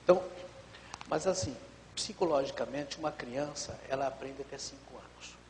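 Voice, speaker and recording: A pastor, calm and explanatory, often letting his sentences fade softly. His voice sits in a middle pitch for a man. The studio adds a long reverb tail and a faint hiss. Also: moderate pace. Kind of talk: live TV studio talk.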